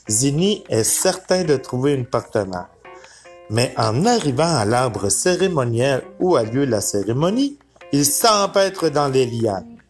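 A man narrating a children's storybook aloud in an expressive, dramatic way. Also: mid-range voice.

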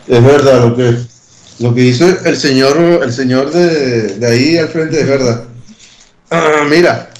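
A young man with a Venezuelan accent and a deep voice, co-hosting a podcast in casual, joking chat. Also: unhurried, reverberant. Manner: teasing, joking. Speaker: podcast co-host.

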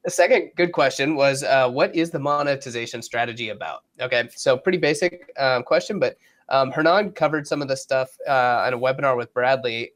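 A man co-hosting a podcast while sick, talking casually with lots of fillers. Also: medium pitch. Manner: relaxed, rambling with many fillers. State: sick, sniffling. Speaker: podcast co-host.

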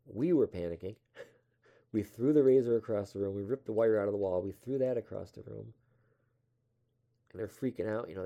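A man's voice: fairly low pitch, creaky, mellow. A young man casually telling a rambling story from his past, offhand and self-deprecating, swearing now and then.

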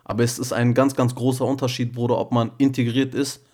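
This young co-host of a casual podcast speaks briskly in a mid-range, level, slightly mellow voice. He uses street slang, calls the other man "bro," and keeps checking that he understands.

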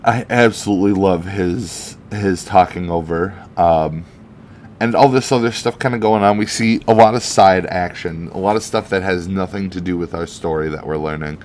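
A man giving casual, excited commentary on a comic book, chatty and swearing now and then. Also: deep voice, normal speed, a little hiss or hum.

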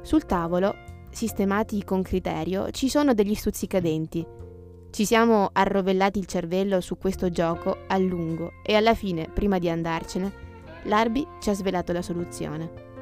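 A woman's voice: medium pitch, moderate pace, darkish tone. A woman podcast host reading scripted travel narration in a reflective, descriptive storytelling way. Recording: music behind the voice. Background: guitar music.

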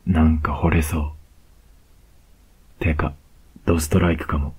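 A cocky young male student with a Kansai lilt, voiced by a man in a whispered role-play. His voice sits extremely low and husky, drawn out slowly and evenly with little rise and fall. He teases in a close, unhurried murmur with soft laughs. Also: little pitch movement, exaggerated voice. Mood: teasing.

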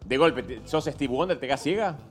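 Fast, animated Rioplatense man bantering. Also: mid-range voice. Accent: Rioplatense Spanish. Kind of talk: casual comedy banter.

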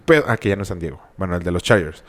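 A man's voice: low voice, animated, rapid-fire, fairly bright tone. A young man with a Mexican accent chatting casually with friends, loose and slangy, teasing. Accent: Mexican Spanish. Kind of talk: casual chat among friends.

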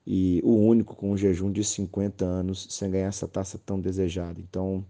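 A man's voice: low-pitched, level tone, a little fast, warm tone. A Brazilian man talking reflectively and casually as a guest on a podcast.

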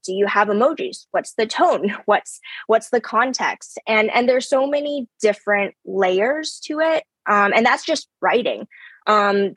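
This brand strategist, a young woman from Canada, appears as a podcast guest with a mid-range, fairly bright, husky voice and no room sound. Her conversational answers are articulate, with small restarts, repeated opening words and light laughter.

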